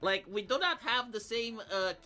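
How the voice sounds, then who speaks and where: A streamer gives casual, off-the-cuff reaction commentary over background music, argumentative and sardonic and fond of rhetorical questions. His voice is high-pitched, bright, and forceful, animated at a moderate pace.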